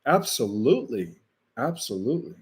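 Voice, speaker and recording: Answering viewer questions on his casual livestream, this Spanish-speaking man talks in a slow, deliberate manner, leaning often on fillers. His mid-range voice moves through big pitch swings.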